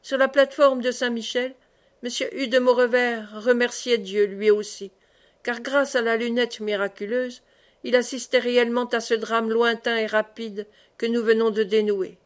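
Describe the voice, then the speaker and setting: A woman reading a classic novel aloud as an audiobook, expressive in the dialogue. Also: fairly high pitch, moderate pace. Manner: expressive, raises voice for cries. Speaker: audiobook reader.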